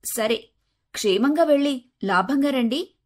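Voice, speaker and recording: A woman voicing a scheming young daughter-in-law in an animated storybook, pert and sharp-tongued. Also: sits high, a little slow. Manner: pert, sharp, sometimes sugary.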